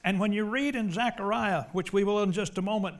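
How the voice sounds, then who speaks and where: A man preaching a sermon, emphatic and folksy, swinging from loud declarations to hushed asides. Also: high-pitched, a little fast.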